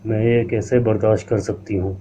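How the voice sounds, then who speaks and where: Proud wronged wife of the house, read by a man; sharp and bitter, thin phone-like sound, faint hiss. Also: lowish voice, level tone, moderate pace, lightly acted. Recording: tinny lo-fi line with faint hiss.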